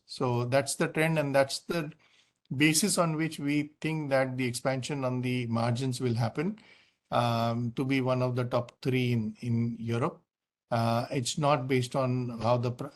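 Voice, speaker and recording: Speaking at a medium pitch, a man answers as a company executive during an earnings call. His explanations are unscripted, with frequent pauses and repeated words.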